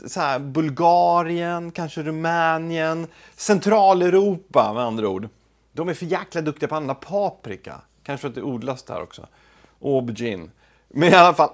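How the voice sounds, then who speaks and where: Chatty man cooking at home. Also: fairly high pitch. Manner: chatty, talks to camera while cooking, self-deprecating asides. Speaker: home cooking video host. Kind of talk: casual cooking demonstration. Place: home kitchen.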